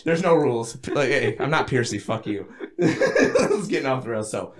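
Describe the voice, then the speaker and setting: A man's voice: mid-range voice, very animated, moderate pace. A young man telling a crude story to friends, rowdy and boastful, swearing often and laughing as he talks. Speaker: podcast co-host telling a story. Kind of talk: crude casual banter among friends.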